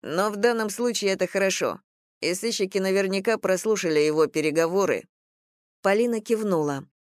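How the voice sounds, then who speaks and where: An audiobook narrator reading a novel in a steady, measured way. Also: medium pitch, no room sound, clean studio sound. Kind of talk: scripted narration.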